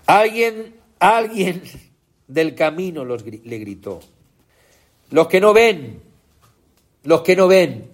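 A man delivers a fiery sermon, putting questions to the congregation and shifting between shouting and soft, low passages.

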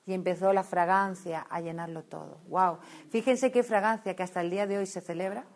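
A woman from Spain preaching to a women's gathering, animated and storytelling, often breaking off to restart her sentences. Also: fairly low pitch, a little fast. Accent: Spain Spanish. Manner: animated, storytelling, self-interrupting. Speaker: women's ministry speaker. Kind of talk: sermon.

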